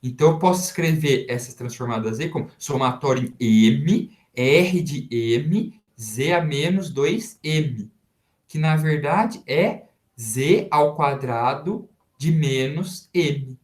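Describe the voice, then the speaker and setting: A man with a Brazilian Portuguese accent, a university professor giving a recorded math lecture and working through each step slowly with rhetorical questions to his students. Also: on the high side, a little mellow. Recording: roomy echoey sound.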